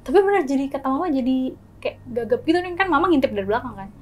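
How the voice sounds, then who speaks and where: Lively woman telling a story, fairly high voice. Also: very fast. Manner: lively, acts out scenes with gestures and quoted dialogue. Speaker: guest telling her own experience. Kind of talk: casual storytelling chat.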